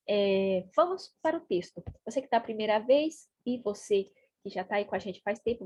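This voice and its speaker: Breathy, slow-spoken woman teacher. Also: a little high, a little mellow, no room sound. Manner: slow, deliberate, repeats key words. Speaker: Spanish teacher. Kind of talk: online Bible-based language lesson.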